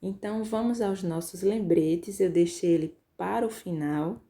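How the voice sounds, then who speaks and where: A woman's voice: on the low side, normal speed, dark tone. A woman teacher with a Brazilian Portuguese accent giving an online grammar lesson to young pupils, patiently spelling out syllables. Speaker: primary school teacher.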